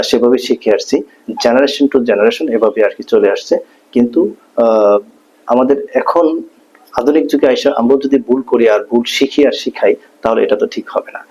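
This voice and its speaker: A man teaches letter sounds in a spoken phonics lesson. His voice is mellow and warm at a middle pitch. He hesitates often with filler sounds and stretches each sound out slowly to demonstrate it. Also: breathy edge, rough recording. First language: Bengali. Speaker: English teacher.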